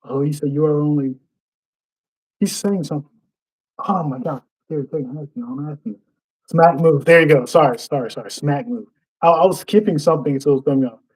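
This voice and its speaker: Husky guy running through his battle verses, keeps muttering and restarting. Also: fairly high pitch, fairly quick, a little mellow, rough recording. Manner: rhythmic recital with frequent restarts and self-corrections; mutters to himself when he forgets lines. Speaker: battle rapper. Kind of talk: reciting and breaking down his own battle verses.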